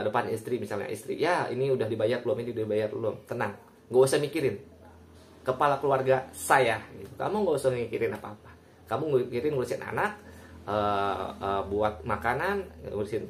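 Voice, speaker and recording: A young man who streams live, talking casually and personally, mixing slang with polite speech and laughing often. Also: medium pitch.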